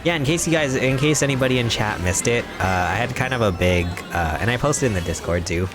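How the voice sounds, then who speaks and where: A young man streams a game live and chats casually with viewers, rambling, giggly and playfully mock-serious. His medium-pitched voice is expressive and brisk, with music playing in the background.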